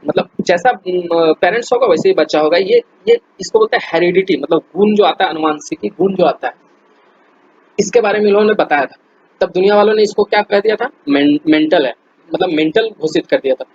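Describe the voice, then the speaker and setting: A man's voice: sits high, sing-song, brisk, a little mellow, breathy edge, no echo, highs cut off. A man teaching a general science quiz lesson in a chatty, informal way, with many fillers and restarts and calling his viewers friends. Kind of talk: casual explainer lesson.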